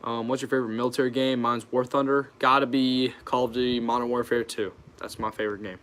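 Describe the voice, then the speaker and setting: A man's voice: mid-range voice, flat delivery, fast talker, fairly bright tone, clear, resonant tone. A young American man hosting a casual livestream Q&A, informal and hesitant, reading questions out and answering them off the cuff. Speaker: YouTube channel host.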